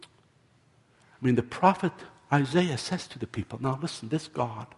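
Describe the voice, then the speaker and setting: A man's voice: medium pitch, animated. Male pastor, sermon, impassioned, repeats words, long church reverb. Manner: impassioned, repeats words, slow emphatic phrases.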